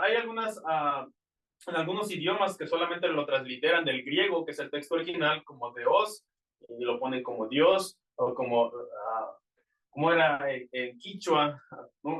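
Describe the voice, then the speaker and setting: A man speaking a little high for his sex, talking earnestly to a congregation. His voice sits well back from the microphone and rings around a roomy church hall. He explains patiently, circling back and restarting his phrases. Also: fairly bright tone, far from the mic. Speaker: visiting Bible translator. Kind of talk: church Q&A talk. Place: church sanctuary.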